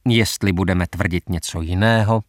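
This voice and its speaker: A man narrating a story, voicing a calm young army commander in a matter-of-fact tone. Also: sits low, no echo, clean studio sound, close to an everyday voice.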